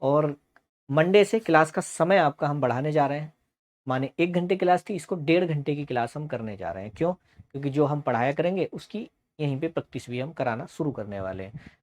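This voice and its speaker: A man teaching a shorthand class, calling students beta and bhaiya and repeating each word slowly for dictation. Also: fairly high pitch, lively intonation.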